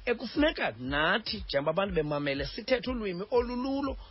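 A man's voice: sits high, big pitch swings, fast, breathy edge. A man with a South African Xhosa accent, chatting as a radio presenter and repeating words for emphasis, on dull lo-fi audio. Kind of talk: unscripted radio discussion.

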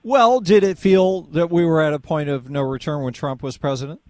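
A man's voice: fairly high pitch, steady tone, moderate pace, a little mellow, dry recording. A male radio host on a call-in show, leading the caller along with pointed questions. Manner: probing, leads the caller with questions. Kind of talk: call-in talk radio debate.

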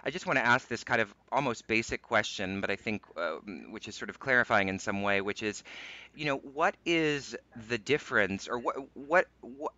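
A man's voice: medium pitch, expressive, moderate pace, pushed and bright, no room sound, highs cut off. A man interviewing a guest, asking questions hesitantly with many restarts.

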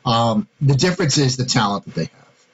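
A man's voice: mid-range voice, expressive, a little fast, dull audio, slight background noise. A man co-hosting a sports podcast, talking through defensive schemes step by step in a casual, analytical way. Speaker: podcast co-host, football analyst.

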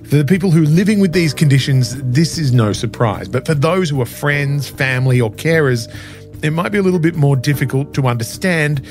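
A man with a hoarse, scratchy voice hosts a podcast in a conversational, narrated style. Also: a little high, brisk, darkish tone, soft background music. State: hoarse, scratchy voice after flu. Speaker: podcast host.

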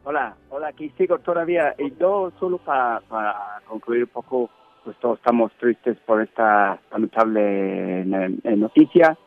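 A man's voice: mid-range voice, no room sound, close to an everyday voice. Bumbling British radio correspondent played by a man, stammering, thin phone-like sound, music behind. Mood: mock solemn. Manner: halting, stammering, repeats words. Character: bumbling male British correspondent with halting, accented Spanish. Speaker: mock foreign correspondent. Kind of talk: comic mock radio news report.

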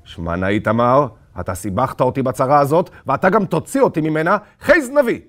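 A man voicing a gruff talking wolf who growls his demands. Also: mid-range voice, expressive, a bit bright, lightly acted. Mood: demanding.

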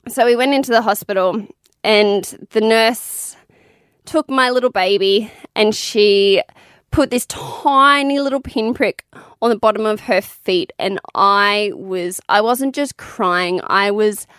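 A woman's voice: mid-range voice, slow, fairly bright tone, clear, resonant tone, no echo, studio quality. A young woman, a new mother, telling her birth stories in casual, frank talk, swearing freely and laughing now and then. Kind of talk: candid casual storytelling.

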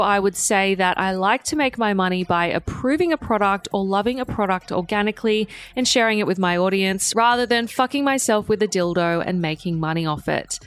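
A woman hosts a daily entertainment gossip show, reading her script at a brisk clip. She drops in sassy little asides between the stories. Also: mid-range voice, no room sound. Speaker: gossip podcast host.

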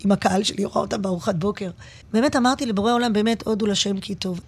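A woman comedian chatting as a guest in a radio studio, telling stories in an animated, expressive way. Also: mid-range voice, husky. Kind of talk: casual interview chat.

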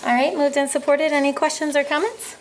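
An American woman with a fairly high voice chairs a formal public meeting. She speaks in procedural phrases to the room. There is noticeable noise in the recording. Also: steady tone, fairly quick.

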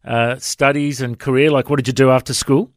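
A man's voice: mid-range voice, flat delivery, a little fast, no room sound, clean studio sound. A man hosting a radio interview in a friendly, conversational way. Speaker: radio host.

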